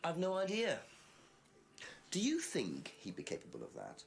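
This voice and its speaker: Brief: middle-aged game detective, measured and pointed, with a very lively pitch. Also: male voice, vocal fry, full character voice. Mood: probing. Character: probing calm male police detective, middle-aged. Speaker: detective questioning suspects. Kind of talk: live-action video game acting.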